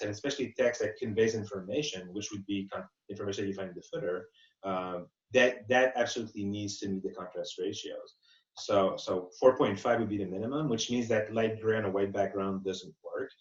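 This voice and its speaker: In muffled, narrow-band webinar audio, an accessibility expert fields questions informally. His voice sits on the lower side, steady and quick, and he reasons aloud, rephrasing as he talks.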